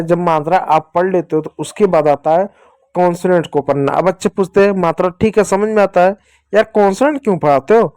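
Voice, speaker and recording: In this classroom-style phonics lesson, a young man teaches children English by posing questions he then answers himself, going back over the key points. His voice sits high and is a little mellow, recorded with no echo.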